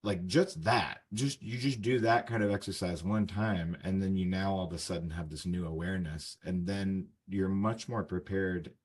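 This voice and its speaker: A man's voice: deep voice, moderate pace, hardly any pauses, slightly rough. A man hosting a casual podcast conversation as an English teacher, explaining his ideas with lots of fillers and restarts.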